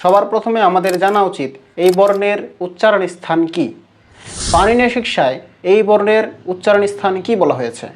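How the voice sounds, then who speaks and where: Man calmly teaching Sanskrit pronunciation. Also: high voice. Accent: Bengali. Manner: measured, chants sutras slowly. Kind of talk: explanatory lesson.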